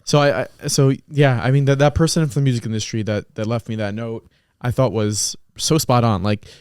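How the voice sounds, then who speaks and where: A man hosting a podcast in casual debate chat, animated and pushing his points with pressing questions. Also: mid-range voice, fairly quick, clear, resonant tone, no room sound, studio quality. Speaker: podcast host.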